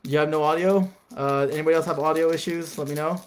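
A man's voice: on the high side, fairly even intonation, fast, slight background noise. A man chatting casually on a live stream, reading out card names and talking to viewers.

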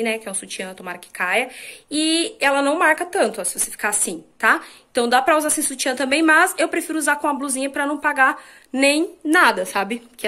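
A woman in her thirties from Brazil, a fashion vlogger chatting casually about her shopping haul in a small room at home. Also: on the high side. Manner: chatty, lively, showing clothes to viewers. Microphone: camera at a short distance, then phone held at a mirror.

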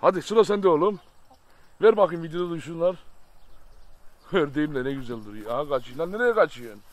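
A man's voice: fairly high pitch, expressive, brisk. A man chatting casually to viewers while tending and coaxing his animals outdoors by a chicken coop, by turns fond and scolding. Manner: coaxing pet talk, scolding outbursts. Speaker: vlogger feeding his animals. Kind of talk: casual farm vlog chat to viewers. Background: rooster and chickens, birds.

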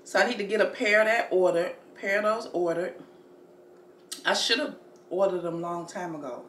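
A woman's voice: fairly low pitch, moderate pace, a bit bright. A woman chatting casually to her viewers in a home vlog, calling them family and y'all. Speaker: vlogger. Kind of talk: casual vlog chat to camera. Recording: echoey room, faint background noise.

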